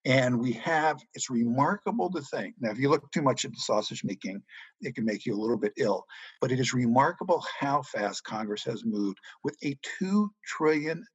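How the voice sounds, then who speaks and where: A middle-aged man answering interview questions about money in a measured, reassuring way. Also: medium pitch, lively intonation, breathy edge, no echo, highs cut off. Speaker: guest economics journalist.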